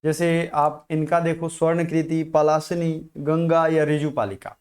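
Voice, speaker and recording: A man's voice: a little high, little pitch movement, a little slow, a little mellow. A man teaching a live online exam-prep class, firing questions at viewers, answering them and reading their comments.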